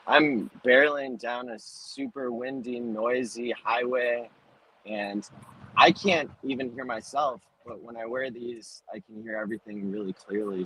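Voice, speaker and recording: A man chatting casually over livestream headset audio from earbuds while driving on a highway. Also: fairly bright tone, a little hiss or hum, poor audio. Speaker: therapist, call participant. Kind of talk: casual chat. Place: in a moving vehicle on a windy highway. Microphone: earbud headset mic, livestream audio.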